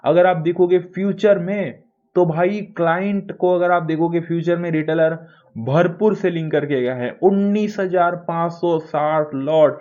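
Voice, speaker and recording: A man's voice: fairly high pitch, steady tone, a little slow, darkish tone, lo-fi sound. A man giving a casual talk that analyses the stock market, chatty and repeatedly addressing his viewers as friends.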